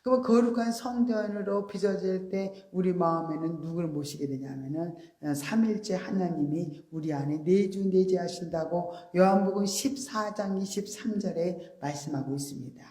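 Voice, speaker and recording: Woman pastor preaching, earnest and patient, soft polite endings, roomy church echo. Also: lowish voice, normal speed, hardly any pauses. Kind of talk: sermon. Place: church sanctuary.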